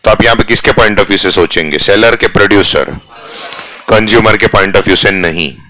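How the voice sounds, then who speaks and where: Male commerce teacher, low pitch with a forceful edge, jokey classroom banter, switches to English catchphrases. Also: fairly quick, no echo. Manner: teasing, jokey, mixes English phrases into Hindi. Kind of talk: live classroom lecture.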